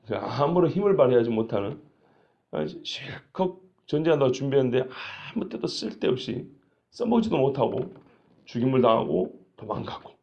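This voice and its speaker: A man preaches an expository sermon in an easy, conversational way, stopping to ask his listeners rhetorical questions. His voice has a gravelly, fry-edged texture at a middle pitch. The recording sounds dull and lo-fi. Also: sing-song, brisk. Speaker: pastor.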